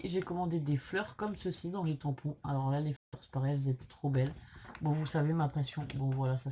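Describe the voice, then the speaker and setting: Casting: female craft vlogger, low voice, sick with tonsillitis and sore-throated, apologetic casual delivery, faint background noise. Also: a little mellow. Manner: hesitant, apologetic, chatty. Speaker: craft channel host. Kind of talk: casual unboxing vlog.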